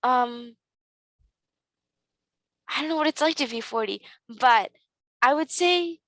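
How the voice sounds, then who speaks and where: A woman's voice: high voice, slow pace, a bit bright, no echo, poor audio. Earnest teenage girl, dry close sound. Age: teens. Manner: earnest, reflective, with frequent fillers. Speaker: guest. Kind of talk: podcast interview.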